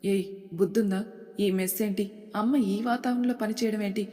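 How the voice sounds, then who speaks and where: An emotional, earnest young man in a storybook drama, read by a woman narrator. His lines press forward with urgency and stay at a middle pitch. The recording has a long, roomy reverb. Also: fairly even intonation, moderate pace, warm tone, close to an everyday voice. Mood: urgent. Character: young rich man, anxious, emotional son.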